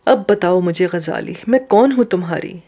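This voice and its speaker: A woman's voice: medium pitch, animated, darkish tone, close to an everyday voice. Woman reading as a wounded, pleading young woman. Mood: impassioned. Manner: emotional, impassioned questioning.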